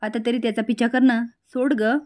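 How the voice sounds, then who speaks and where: A woman's voice: on the high side, flat delivery, normal speed, darkish tone, natural voice. A woman doing a jealous scolding fiancée. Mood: scornful. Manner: scolding, accusing. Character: jealous young fiancée, sharp and accusing.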